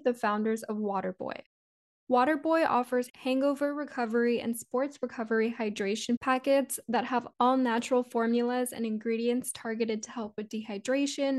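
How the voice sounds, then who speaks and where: A woman hosting a business podcast, reading a scripted intro and asking friendly questions. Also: fairly high pitch. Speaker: podcast host.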